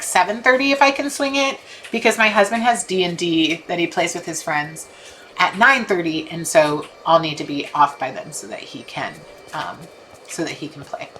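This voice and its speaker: In a low-quality recording, a thirty-something woman streaming a game keeps up casual chatter, gushing and joking with her audience over background game music. Her medium-pitched voice has a fairly bright tone and moves at a normal speed.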